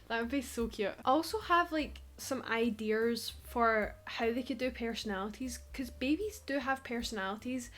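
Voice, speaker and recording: Scottish woman vlogger, chatty and rambling, voice sits a bit high. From Scotland. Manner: chatty, rambling, laughs often. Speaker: Sims YouTuber. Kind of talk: casual gameplay commentary.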